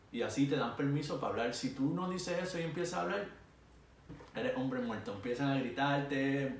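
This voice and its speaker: A young man with a Puerto Rican Spanish accent tells a story out loud in a casual, lively way, and he acts out the voices of drill instructors yelling at him. He sounds a bit far from the mic, in a very echoey room with faint background noise. His pitch sits in a middle range. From Puerto Rico. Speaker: vlogger.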